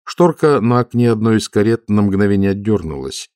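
A man narrating an audiobook in a calm, even storytelling manner. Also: lowish voice, normal speed, smooth, no echo, studio quality. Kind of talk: scripted narration.

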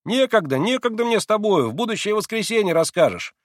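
A cocky schoolboy lectures and teases in a lively, sing-song voice, as a male reader puts him on. He speaks a bit higher than the reader's own voice. The recording is close and dry. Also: fast talker, no room sound. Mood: brash lecturing. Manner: brash, teasing, lecturing.

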